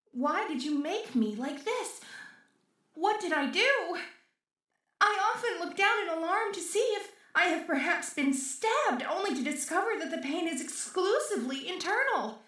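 A woman's voice: very high-pitched, very animated, measured pace, fairly bright tone, echoey room, distant mic, exaggerated voice. A woman playing an obsessive, lovesick female maid robot in an audio role-play, with clingy, menacing, unhinged villain sweetness. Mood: hurt, accusing.

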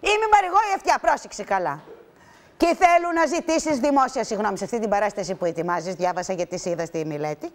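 A woman's voice: mid-range voice, animated, pitched below the performer's own voice, close to an everyday voice. A woman putting on the voice of an angry elderly aunt from a Greek island, about eighty, scolding in a dramatic, old-fashioned way over the phone. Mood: indignant. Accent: Greek island village.

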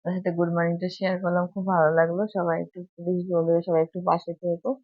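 A woman, hoarse from a cold, chatting in a rambling, repetitive way to her viewers in a casual morning vlog. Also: fairly low pitch, flat delivery, racing, no room sound. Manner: rambling, repetitive, keeps asking viewers if they follow. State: hoarse from a cold and sore throat. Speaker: vlogger. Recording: tinny phone-like audio.

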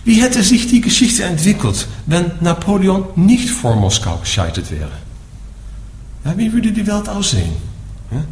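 A man from the Netherlands, his German coloured by a Dutch accent, explains Buddhism patiently to a group in a high, very animated, slightly mellow voice at a slightly slow pace. Nearly every point ends with "ja?" The room echoes, with faint noise behind him.

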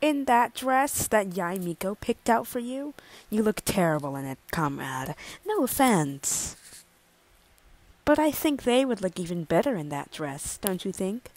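A woman's voice: mid-range voice, big pitch swings, a little slow, darkish tone, no echo, rough recording. A woman voicing a smug, mocking young male rival in a fan audio drama. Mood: teasing. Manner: mocking, drawls "comrade".

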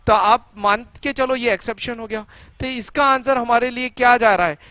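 A middle-aged male teacher lecturing a class in a high, bright voice. He keeps firing rhetorical questions at his students and repeats key points for emphasis. The sound is close and dry. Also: fairly even intonation, normal speed, smooth, no echo. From India. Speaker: chemistry teacher.

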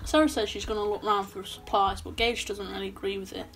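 A woman's voice: mid-range voice, steady tone, fast talker, background noise. A young woman recapping a horror film in a casual, chatty way with sarcastic asides, filmed in a small bedroom at her desk. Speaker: film reviewer.

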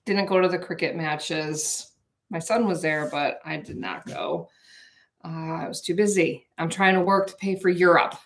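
Her voice is fairly low and her pace normal as this vlogger, a woman in her forties, bakes live in her home kitchen. She rambles casually to her stream's viewers, captured by a camera sitting on the counter.

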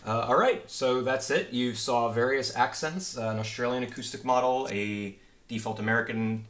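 This young male game developer in his twenties speaks at a moderate pace, with medium pitch and a fairly bright tone. He's giving a relaxed, explanatory walkthrough of a demo from his desk, filler words and all. The setting is a small home office with a desk and monitor.

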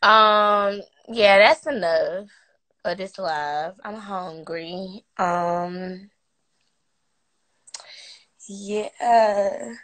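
A woman's voice: medium pitch, extremely slow, long pauses, a bit bright. A young woman casually chatting and laughing with viewers on a phone live stream, teasing and playful. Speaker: livestream host.

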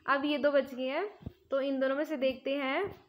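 A woman's voice: high voice, level tone, normal speed, slight background noise. A young woman, a tuition teacher giving playful, bossy instructions to her students in a casual vlog. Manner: bossy, playful, mixing Hindi and English.

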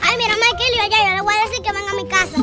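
A performer voicing a scolding grandmother who shouts orders. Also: extremely high pitch, fairly even intonation, rapid-fire. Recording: loud music under the voice.

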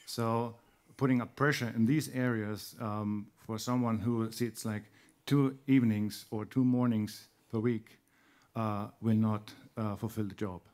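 A man's voice: mid-range voice, darkish tone. A man speaking as a panelist and former gamekeeper, hesitant with frequent ums, on a conference stage. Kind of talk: panel discussion contribution. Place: conference hall stage, indoors.

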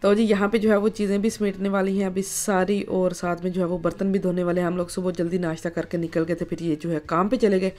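A woman's voice: on the low side, flat delivery, quick pace, hardly any pauses, dark tone, faint music behind. A woman, narrating her home vlog in a chatty way, full of filler phrases. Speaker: vlogger.

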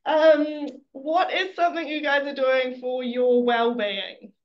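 A woman hosting a casual interview over a video call, upbeat with quick asides. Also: sits high, fairly even intonation, dull audio. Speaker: host. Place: office room indoors.

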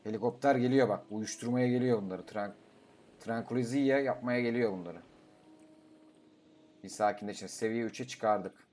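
A young man giving casual gameplay commentary, talking to himself, swearing and breaking into excited outbursts. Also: medium pitch, moderate pace, long pauses, a little hiss or hum. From Turkey. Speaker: gaming YouTuber.

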